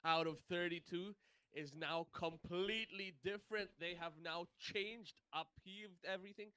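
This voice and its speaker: A man's voice: high-pitched, steady tone, normal speed, pushed and bright, clear, resonant tone, no room sound. A man hosting a live stream panel, introducing guests in an upbeat way.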